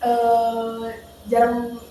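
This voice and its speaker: A woman's voice: a little high, completely flat delivery, drawn-out words, dark tone. A young woman, a university student, answering interview questions casually with some hesitation. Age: young adult. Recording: echoey room, far from mic, faint noise.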